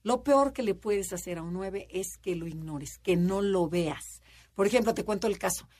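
A woman's voice: moderate pace, darkish tone. A woman co-hosting a casual radio talk show, chatty and explaining with examples. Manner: chatty, acts out quotes in a high voice. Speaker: radio co-host.

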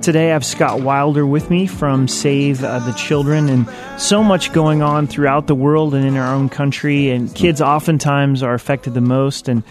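Friendly pastor hosting a radio interview. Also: male voice, mid-range voice, fairly even intonation, moderate pace, hardly any pauses, faint music behind. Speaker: pastor and radio show host.

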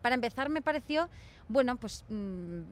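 A woman's voice: on the high side, lively intonation, normal speed. A young woman from Spain chatting casually and telling stories, acting out the voices of people she quotes. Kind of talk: casual chat.

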